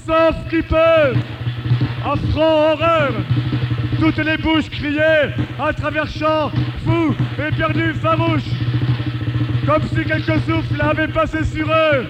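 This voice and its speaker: A man giving a dramatic verse recitation, swinging from hushed murmurs to shouted cries and mimicking drums and fanfares with his voice. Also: extremely high pitch, flat delivery, takes it slowly, dull audio. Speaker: poetry reciter. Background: loud music.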